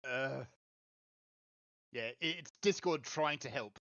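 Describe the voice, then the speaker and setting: A man co-hosting a casual podcast over a headset mic, his volume jumping unevenly between normal and very loud from automatic gain. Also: mid-range voice, slow, dull audio. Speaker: podcast co-host. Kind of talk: casual chat.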